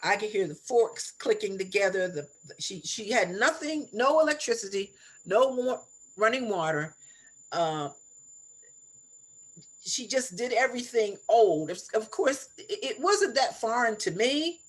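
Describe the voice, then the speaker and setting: A woman in her seventies reminiscing in conversation as an interview guest, reflective and deliberate, repeating phrases for emphasis. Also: on the high side, lively intonation, husky, low-quality recording. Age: 70s. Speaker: interview guest, elder sharing life stories.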